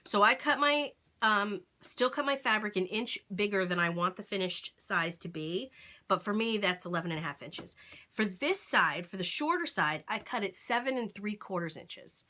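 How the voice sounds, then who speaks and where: A woman's voice: medium pitch, lively intonation, moderate pace, sharp tone. A woman hosting a casual sewing tutorial, explaining each step aloud and checking in with "okay?" as she works. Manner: thinks aloud while sewing, with fillers and self-corrections. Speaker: crafting tutorial host.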